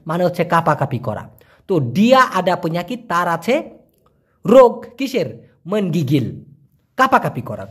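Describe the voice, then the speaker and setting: A man teaching an informal online lesson. His voice is husky and his pitch rises and falls a lot. He repeats each new word slowly and explains it patiently. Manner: answers viewers' questions by name. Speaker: language teacher. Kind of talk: casual online language lesson.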